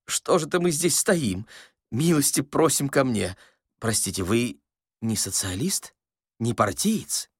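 A man voicing a frightened, tearful old man who wails and pleads in a shrill, drawn-out way. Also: expressive, breathy edge, dry recording, studio quality. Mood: eager. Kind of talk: audiobook character voice.

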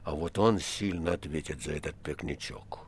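A male reader playing a grim, brooding financial director who speaks low and hushed, at times close to a whisper. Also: normal speed, slightly rough.

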